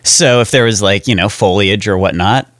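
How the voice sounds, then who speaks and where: A man guesting on a podcast, telling relaxed, rambling anecdotes in casual chat. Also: on the low side, normal speed, dry recording, clean studio sound.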